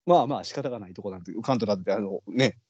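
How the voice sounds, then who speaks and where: A man's voice: on the low side, fast talker, a little mellow, husky, dry recording, muffled recording. A man with a Kansai accent, a podcast co-host chatting casually and rambling with many fillers. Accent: Kansai Japanese. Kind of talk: casual chat.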